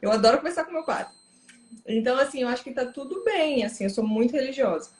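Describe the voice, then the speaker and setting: A woman psychologist with a Brazilian Portuguese accent, talking in an animated, emphatic casual conversation. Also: high-pitched, quick pace, echoey room.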